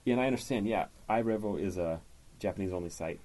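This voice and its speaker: A podcast host speaks in a fairly low-pitched male voice at a quick pace. He chats casually in a relaxed, easygoing way and reads listener questions and mail aloud.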